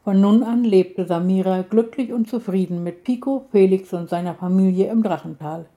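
Female storyteller for a children's tale: mellow tone, calm measured reading. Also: mid-range voice.

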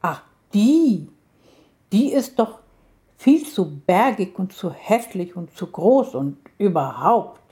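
A woman's voice: medium pitch, takes it slowly. Woman doing a feisty young lioness cub. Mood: snippy. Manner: lively, indignant outbursts. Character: spirited young female lion cub.

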